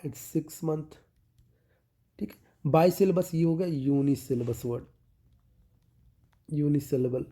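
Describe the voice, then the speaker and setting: A medical exam tutor with a warm, somewhat high voice explains developmental milestones using mnemonics, checking in after each point. To stress key terms, he slows down and lowers his voice.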